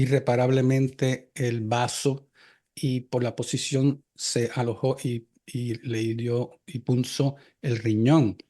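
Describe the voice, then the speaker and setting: Older man, mellow reflective voice. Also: mid-range voice. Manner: reflective, hesitant, many filler pauses. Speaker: interview guest. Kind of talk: recounting personal experiences in an interview.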